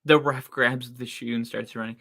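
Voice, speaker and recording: Casual and chatty, a young podcaster comments on a football game live, speaking at a measured pace in a bright, forceful, mid-range voice. The plays get him excited and loudly disbelieving, and he's losing his voice from talking so long.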